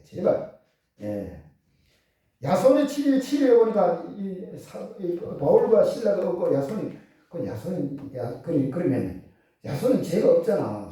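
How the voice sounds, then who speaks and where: A pastor preaches a sermon packed with rhetorical questions to the congregation, his voice on the high side with a warm tone. He's recorded from far off in an echoey church hall.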